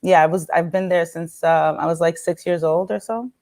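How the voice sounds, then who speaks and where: Woman guest from the Dominican Republic, lower voice, candid, laughs a lot, lots of fillers. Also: steady tone, normal speed, a little mellow. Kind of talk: casual interview talk.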